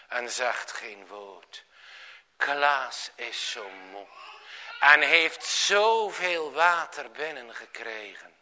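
A man telling a story aloud in an expressive, dramatic way. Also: medium pitch. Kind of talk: storytelling narration.

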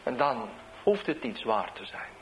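A man, a street evangelist, tells a testimony in an animated storytelling way, swinging between loud bursts and hushed asides. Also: medium pitch, unhurried, slight background noise, low-quality recording.

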